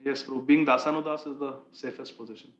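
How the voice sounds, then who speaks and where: A man giving a devotional discourse and taking questions on an online group call, speaking deliberately and emphatically. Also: mid-range voice, fairly even intonation, reverberant, lo-fi sound. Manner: deliberate, emphatic, explains verses phrase by phrase. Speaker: spiritual teacher leading a scripture session.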